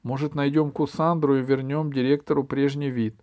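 A man's voice: medium pitch, level tone, moderate pace, darkish tone, no echo, studio quality, pitched above the performer's own voice, natural voice. A man reading an audiobook voices a young girl who sounds eager and coaxing. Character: young girl Alice, brisk and kind. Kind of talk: audiobook character voice.

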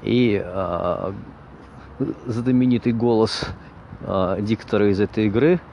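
A man hosting an informal podcast monologue, speaking haltingly in broken phrases as he searches for words. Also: lowish voice, a little mellow, a little hiss or hum. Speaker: podcast host.

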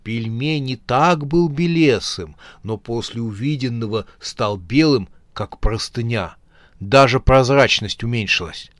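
Male audiobook narrator, slow measured reading, dry close sound. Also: medium pitch, dry recording. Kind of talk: scripted storybook narration.

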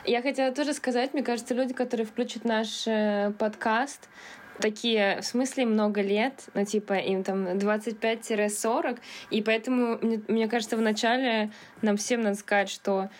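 A woman's voice: fairly high pitch, steady tone, normal speed. A woman in her twenties, a PR manager guesting on a podcast, chatty and laughing easily. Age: 20s. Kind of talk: casual podcast chat.

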